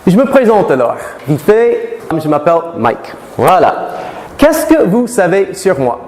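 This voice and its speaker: His high voice swoops wildly in pitch and sounds a little mellow. A middle-aged native English speaker from the United States, this lecturer gives a live conference talk to students, halting, restarting, and asking many audience questions. The lecture hall echoes with long reverb.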